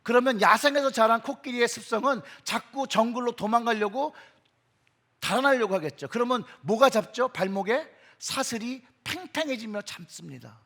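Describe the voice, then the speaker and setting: A middle-aged male pastor giving an emphatic sermon in a church, his voice surging in pitch and loudness. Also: lively intonation, moderate pace. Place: church sanctuary.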